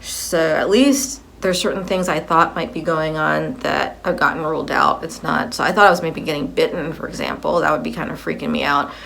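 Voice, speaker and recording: A woman's voice: low voice, steady tone, a little fast, gravelly, few pauses, fairly bright tone, a little hiss or hum. A woman in her fifties giving a personal video update, rambling as she repeats and corrects herself. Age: 50s.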